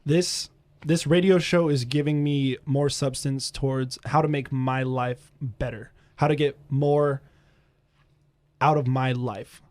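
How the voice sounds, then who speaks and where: An earnest young man being interviewed on a radio show, speaking at a normal pitch. The recording is dry and close, with no room echo. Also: steady tone, takes it slowly, darkish tone. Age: young adult. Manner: earnest, ambitious, rambling. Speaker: guest. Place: radio studio.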